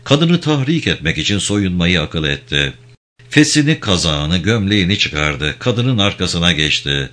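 A man tells a dark story in intense, dramatic narration. His voice is very low but bright and forceful. His pitch rises and falls widely as he reads.

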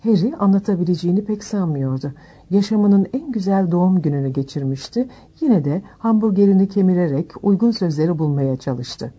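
A woman narrating a storybook aloud in a steady, measured reading voice. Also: on the low side, slightly rough. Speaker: audiobook narrator.

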